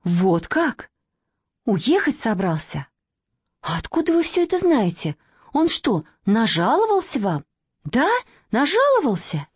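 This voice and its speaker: A woman's voice: a little high, wildly swooping pitch, measured pace, long pauses, slightly rough, dry recording, voice pushed up, heavily acted. A woman voicing a distraught young woman who fires off anxious, demanding questions. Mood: frantic. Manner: frantic, pleading questions. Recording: dry, slightly dull recording.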